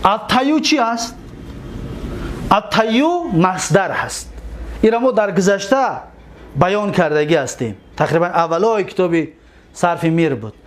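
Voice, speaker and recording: Tajik-accented male teacher with a high voice, runs a classroom grammar drill, poses questions and answers them himself. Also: animated, long pauses. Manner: drills forms aloud, asks and answers his own questions.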